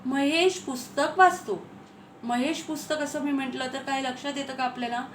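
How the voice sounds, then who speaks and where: A woman teacher giving a grammar lesson, repeating key phrases slowly and asking her pupils questions. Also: high-pitched, fairly even intonation. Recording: echoey room, faint ambient noise.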